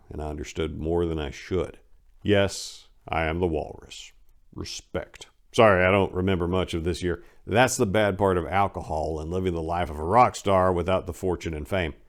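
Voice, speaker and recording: A low, creaky-voiced American man narrates a comic first-person memoir as a dramatic reading. His delivery is wry, self-deprecating and conversational.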